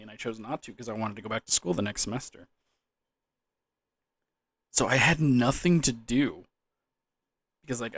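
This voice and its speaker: A man's voice: mid-range voice, no echo. A young man in a loose, drunken, rambling casual chat about gaming, trailing off, repeating words and swearing casually. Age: young adult. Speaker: gaming vlogger.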